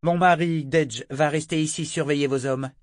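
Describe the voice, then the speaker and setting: A man's voice: on the high side, steady tone, normal speed, no echo, clean studio sound, voice pushed up, natural voice. A man reading an audiobook, voicing a wary, stern woman who gives firm orders. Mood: commanding. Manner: firm, commanding. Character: stern, wary woman leading her household. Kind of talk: audiobook character voice.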